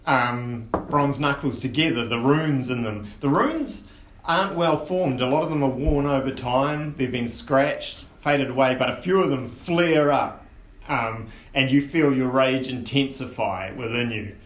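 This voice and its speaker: A man narrating as game master of a tabletop game, relaxed and rambling with many fillers. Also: mid-range voice, unhurried. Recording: echoey room with faint hiss.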